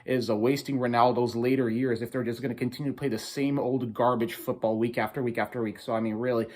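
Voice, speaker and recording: A man's voice: medium pitch, steady tone, fast talker, a little mellow. A man hosting a casual football recap video, complaining emphatically and informally as he repeats his points. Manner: informal, repetitive, emphatic complaining with mild swearing. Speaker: football fan video host. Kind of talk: casual opinionated match recap.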